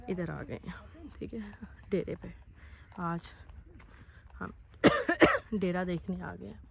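A woman's voice: mid-range voice, gravelly. Woman walking fields w phone, chatty, bit winded, faint outdoor hiss. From Pakistan. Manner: chatty, explaining to the camera while walking. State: slightly out of breath and coughing. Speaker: vlogger. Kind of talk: casual walking vlog narration. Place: outdoors in open farm fields. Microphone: phone camera held while walking.

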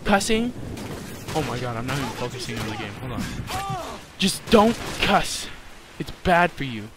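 A man's voice: medium pitch, huge pitch swings, a little slow, crowd noise. A young man giving casual, rambling gameplay commentary, joking and swearing, then scolding himself for it. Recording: game music behind the voice.

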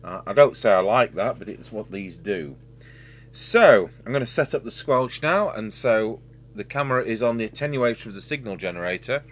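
At his indoor electronics bench, a radio repair technician and host narrates his repair off the cuff, reasoning aloud as he goes. His fairly low voice has lively intonation at a normal pace, over workbench noise full of hum and radio hiss.

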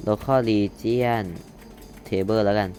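Slow, low-voiced young man talking through code. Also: fairly even intonation, warm tone, soft background music. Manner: thinks aloud while typing, reads code out word by word, self-corrects. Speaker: coding tutorial host. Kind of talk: casual screen-recorded coding lesson.

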